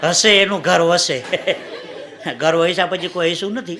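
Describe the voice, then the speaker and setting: A man with a Kathiawadi Gujarati accent performing a folk stand-up routine on stage, telling stories and breaking into sung lines and shouted impressions. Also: high voice, fairly even intonation, normal speed. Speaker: stand-up comedian. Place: stage before a live audience. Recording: live show with loud crowd laughter and noise.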